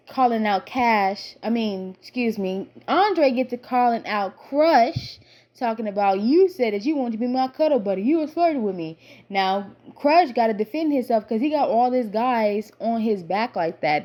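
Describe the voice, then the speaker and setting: A young woman at an ordinary middle pitch, rattling through a reality-show recap. She talks casually and animatedly, full of slang, as if filling a friend in. Her tone is chatty and informal throughout. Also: a little mellow.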